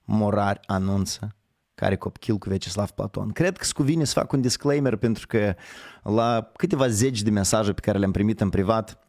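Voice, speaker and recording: A man with a hoarse voice hosting a live online show, talking in a rambling, conversational way and correcting himself as he goes. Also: on the low side, a little mellow, no room sound, clean studio sound. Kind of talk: casual live-stream commentary.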